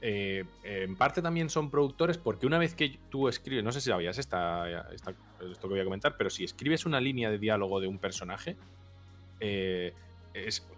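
Male co-host, low register, animated film banter, faint music bed. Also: normal speed. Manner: animated, acts out quotes with loud outbursts and laughs. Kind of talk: casual film chat.

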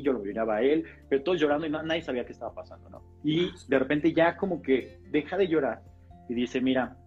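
A man who is a pastor, sharing a personal testimony in a casual podcast conversation, animated and acting out the dialogue. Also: medium pitch, husky. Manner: animated storyteller, acts out dialogue. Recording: slightly dull podcast audio with faint guitar music.

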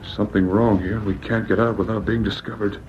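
An actor playing a steady, watchful Mountie sergeant thinking aloud to his dog in an old radio drama. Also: fairly low pitch, fast, close to an everyday voice. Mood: wary. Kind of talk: 1940s radio drama acting. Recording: muffled, noisy old radio recording.

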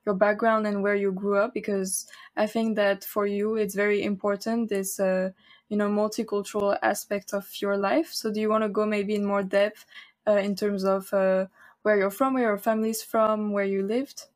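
A woman's voice: mid-range voice, little pitch movement, normal speed. A woman hosts a podcast interview in a friendly, conversational way. She hesitates now and then, repeating words and leaning on fillers as she frames her questions. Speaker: podcast host.

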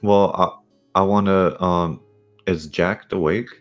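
A man's voice: low-pitched, steady tone, slow, lo-fi sound. A man taking part in a tabletop game, casually describing and speaking for his character. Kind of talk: casual role-play chat. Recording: music playing behind.

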